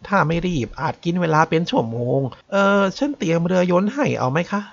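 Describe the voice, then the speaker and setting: A man's voice: on the high side, sing-song, fast, creaky, pitched above the performer's own voice, exaggerated voice. A man doing a proper old maidservant. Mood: apologetic. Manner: polite, protective of her mistress. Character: loyal elderly woman servant, defensive and proper. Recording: dull lo-fi recording.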